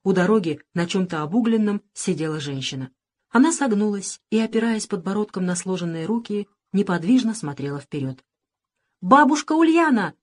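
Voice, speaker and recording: A woman reads a storybook aloud at a mid pitch for a woman. Her narration is calm and even. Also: fairly quick. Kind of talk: scripted narration.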